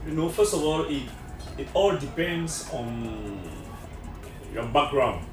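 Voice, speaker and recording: A man from Cameroon, a French teacher, answering interview questions in a slow, halting way with many fillers. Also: fairly high pitch, lively intonation. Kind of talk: casual interview. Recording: echoey room from far off with music.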